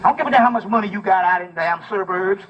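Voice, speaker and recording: Talking fast in a very high-pitched voice, a man reads from a text and unpacks it emphatically in a fiery, informal lecture. Like a preacher, he swears freely and throws out rhetorical questions, all on a muffled recording.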